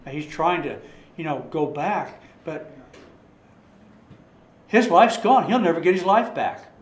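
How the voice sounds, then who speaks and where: There's a little hiss or hum on this echoey recording of a man leading a church study group in a church meeting room. His voice is fairly high and expressive, a little slow, and his informal Bible study talk rambles with frequent restarts, repeated words, and rhetorical questions.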